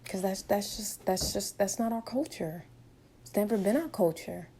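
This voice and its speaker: Impassioned mellow-voiced young woman. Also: mid-range voice, normal speed, slight background noise. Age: 20s. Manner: impassioned, emphatic, rhetorical questions. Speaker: vlogger. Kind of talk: opinionated direct-to-camera monologue.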